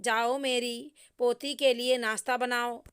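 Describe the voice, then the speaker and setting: A woman's voice: a little high, little pitch movement, slow, fairly bright tone, smooth. A woman voicing a bossy, doting old grandmother who talks down to her daughter-in-law. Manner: bossy, dismissive.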